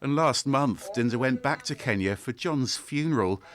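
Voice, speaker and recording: A man reporting as a news correspondent, narrating a scripted regional news piece in a measured delivery. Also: medium pitch, expressive, over a noisy crowd.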